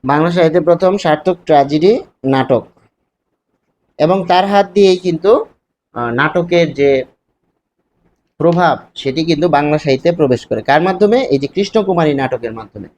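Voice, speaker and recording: A man's voice: fairly high pitch, moderate pace, long pauses, a little mellow. A man teaching a literature lesson in Bangladeshi Bengali, explaining step by step and asking rhetorical questions. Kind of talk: classroom lecture. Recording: dull lo-fi sound with faint hiss.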